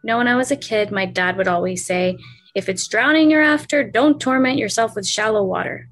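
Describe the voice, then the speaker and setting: A woman's voice: mid-range voice, fast, fairly bright tone, close to an everyday voice. Woman reading a teenage fantasy heroine: wry, thoughtful, plainly spoken. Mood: reflective. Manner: plain reading voice, lightly conversational. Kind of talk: author reading dialogue aloud.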